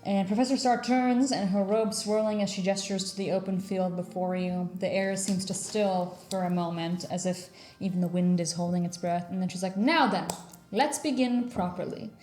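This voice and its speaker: A woman's voice: fairly low pitch, little pitch movement, warm tone, echoey room, soft background music. Woman narrating as dungeon master. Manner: unhurried, many "um" and "like" fillers. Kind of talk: narrating a tabletop game.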